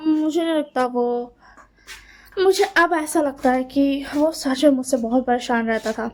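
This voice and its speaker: A woman voicing a tearful, sulky young man who pleads softly and clings to his older partner. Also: high voice, measured pace, slight background noise.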